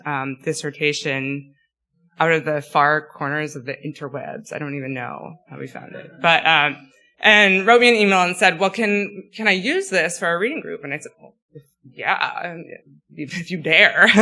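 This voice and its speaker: Hoarse woman guest speaker, bright voice, halting talk full of fillers. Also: low-pitched. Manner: many ums, self-deprecating and chatty. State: losing her voice, clearing throat. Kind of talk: academic talk.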